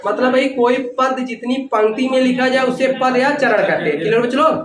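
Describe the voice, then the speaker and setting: A man's voice: very high-pitched, fairly even intonation, fairly quick, crowd noise. A man teaching a classroom lesson, asking the class questions over and over and calling the students "bhaiya" and "children". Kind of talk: classroom lecture. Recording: echoey room, voice from far off, class noise behind.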